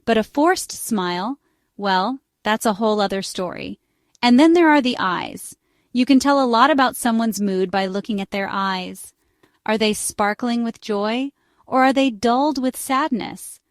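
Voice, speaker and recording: Narradora de consejos, voz aguda y grabación seca. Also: female voice, on the high side, unhurried, dry recording, studio quality. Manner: chatty, direct address to the listener. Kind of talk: scripted advice narration.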